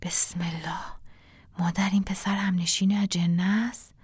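Brief: woman doing a scared young woman, fast breathy whisper, dry close mic. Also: medium pitch, dark tone, no echo, pitched above the performer's own voice, natural voice. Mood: frightened.

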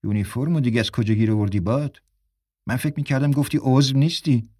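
A man's voice: mid-range voice, mellow, no echo, clean studio sound, lightly acted. A man voicing an easygoing young man who earnestly defends his friends in a story.

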